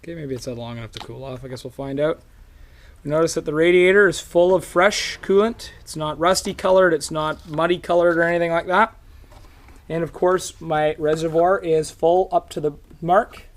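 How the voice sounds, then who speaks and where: A hoarse man with a slightly high voice hosts a car how-to video, strolling around his truck outdoors with the camera in one hand. He talks at a normal speed, relaxed and chatty, walking the viewer through each step of this casual hands-on demonstration as he works.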